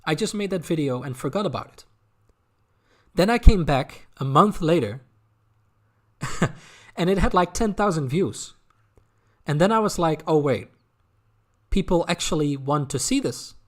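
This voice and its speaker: This anime content creator, a man with a Dutch accent, fields viewer questions on stream in a casual, stop-start manner, often repeating words as he thinks. His voice is fairly high-pitched and expressive.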